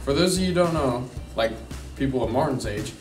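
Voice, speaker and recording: A man's voice: mid-range voice, animated, brisk. A young man giving a casual field report as a student reporter in a school hallway. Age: teen or young adult. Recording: echoey hallway, distant mic, music. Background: music.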